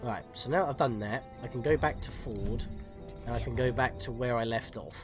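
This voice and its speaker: A man commentating as he plays a video game live, chatty and quick to exclaim. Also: medium pitch, music in the background. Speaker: streamer playing a game. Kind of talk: live let's-play commentary.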